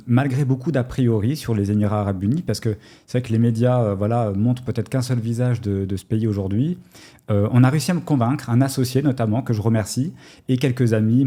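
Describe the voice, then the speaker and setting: A man from France, a guest entrepreneur talking casually in an interview, often pausing with fillers and restarting his sentences. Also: mid-range voice, mellow. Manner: hesitant, many fillers and restarts.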